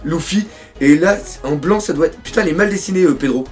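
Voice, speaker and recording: Excitable high-voiced French man. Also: brisk, faint music behind. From France. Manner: excitable, swears often, reads panels aloud. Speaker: manga reaction streamer. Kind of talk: live reaction commentary.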